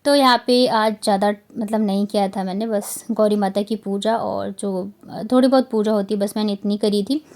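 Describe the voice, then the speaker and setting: This woman from Bihar, India, in her thirties, chats her way through a home vlog voice-over, rambling and leaning on fillers. She speaks in a mid-range, slightly mellow voice with fairly even intonation, at normal speed and with few pauses.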